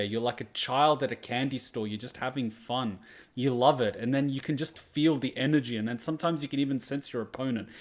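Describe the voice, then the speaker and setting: Excitable man reacting to a video game. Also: mid-range voice. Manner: excitable, rambling, dramatic. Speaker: gaming reactor. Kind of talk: casual game reaction commentary.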